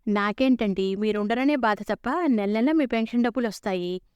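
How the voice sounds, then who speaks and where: A woman's voice: medium pitch, fairly quick, darkish tone, clear, resonant tone, dry recording, lo-fi sound, lightly acted. A woman voicing a wry, teasing older wife with sore knees in a storybook tale.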